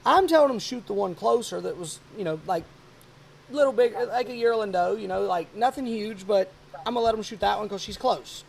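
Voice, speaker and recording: A man around forty hosting a podcast, telling a hunting story in a rambling, animated way. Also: high voice, fairly quick, gravelly, a little hiss or hum. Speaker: podcast host. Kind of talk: casual chat.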